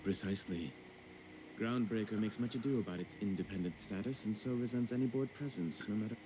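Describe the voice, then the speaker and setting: An actor playing a fussy, pompous male bureaucrat on a ship in a video game, with prim, fastidious diction. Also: lowish voice, noisy background, close to an everyday voice. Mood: smug.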